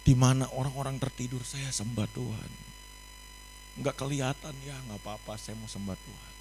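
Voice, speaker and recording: A young man preaching a sermon at an online youth service, switching between loud exclamations and quiet, confiding passages. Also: mid-range voice, fairly even intonation, normal speed, background noise.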